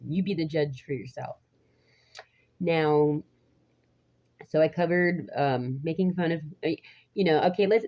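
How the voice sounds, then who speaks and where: A woman in her thirties with a deep, raspy, mellow voice talks to viewers in a casual vlog, halting and rambling, often restarting and laughing between phrases. She records on a phone, and the audio sounds muffled.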